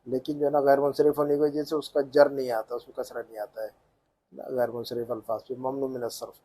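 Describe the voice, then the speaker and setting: A man gives an Arabic reading lesson in a patient teaching voice. He explains grammar step by step and slows right down to drill the pronunciation of each word. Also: medium pitch, little pitch movement, mellow, slightly rough. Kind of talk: language lesson.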